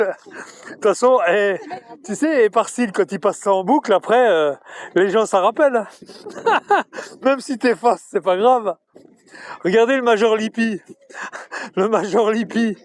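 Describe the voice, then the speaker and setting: High-voiced man ranting, mocking and crude. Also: slight background noise. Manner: mocking, boastful, frequent cackling laughter; swears and insults constantly. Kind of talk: crude taunting monologue to online viewers.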